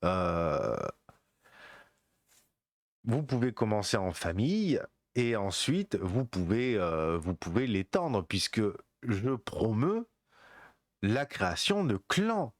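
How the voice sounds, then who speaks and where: Slow, hesitant low-voiced man podcasting. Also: very animated, no echo, studio quality. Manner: hesitant, many fillers and restarts; playful jokey asides. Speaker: podcast host. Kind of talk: casual podcast monologue.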